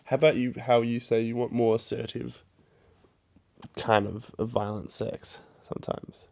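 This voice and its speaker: Very deep gravelly woman asking questions. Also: level tone, a little slow, darkish tone. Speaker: conversation partner. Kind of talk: casual chat, asking questions.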